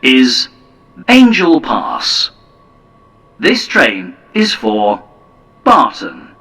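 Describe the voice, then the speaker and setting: A man's voice: medium pitch, huge pitch swings, very slow, sharp tone, distant mic. A man giving automated onboard train announcements over a PA system in formal, clipped phrases.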